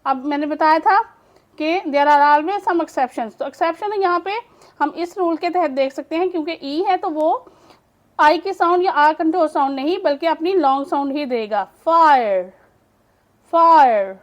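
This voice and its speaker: A woman's voice: high-pitched, fairly quick. A woman English teacher giving a phonics lesson, patiently explaining and repeating each word aloud for practice. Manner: patient explaining, mixes English words into speech.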